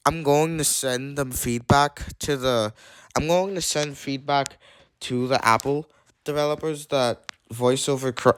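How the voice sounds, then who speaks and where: A man's voice: mid-range voice, steady tone, unhurried, fairly bright tone, clear, resonant tone. A man talking casually as he demonstrates phone features, often exasperated and repeating himself. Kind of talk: casual spoken screen-reader demo.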